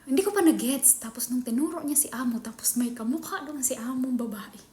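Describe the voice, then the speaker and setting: A Filipino woman chatting casually in a vlog, often dropping into a hushed whisper. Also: sits high, a little fast. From Philippines. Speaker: nanny vlogger. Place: employer's home. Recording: echoey room with faint ambient noise.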